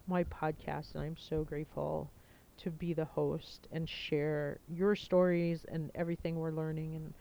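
A woman with a clear, smooth voice and a slightly low pitch for casual talk hosts her podcast. She speaks informally, thinking aloud and wandering from point to point. The sound is low quality, picked up through a headphone mic. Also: little pitch movement, a little slow, mellow, highs cut off. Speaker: podcast host. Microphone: headset, talking into headphones.

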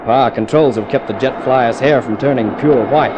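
A man with a medium-pitched, natural voice at normal speed narrates as a cool, wry jet test pilot recounting his own adventure, in the clipped, dramatic manner of a 1950s radio thriller. The old radio drama recording is lo-fi and noisy, with music running underneath, and the narration is tense and wry.

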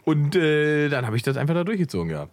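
A man's voice: a little high, fast, no room sound. A man, a comedian and podcast host, chatting casually and telling stories with lots of laughter. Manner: animated storyteller, laughs a lot. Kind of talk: casual chat.

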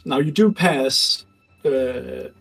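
A man running a tabletop game, narrating in a loose, halting way. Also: medium pitch, fairly bright tone, distant mic, soft background music, poor audio. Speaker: game master.

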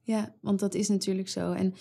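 Woman, gravelly voice, animated, probing questions, casual chat host. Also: mid-range voice, brisk. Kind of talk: casual conversation.

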